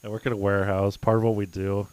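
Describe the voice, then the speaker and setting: A man's voice: fairly low pitch, little pitch movement, quick pace, a little mellow, clean tone, no room sound, low-quality recording. A young man co-hosting a podcast, telling a story in a laid-back, rambling way and chuckling between lines. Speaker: podcast co-host. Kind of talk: casual chat, telling a story.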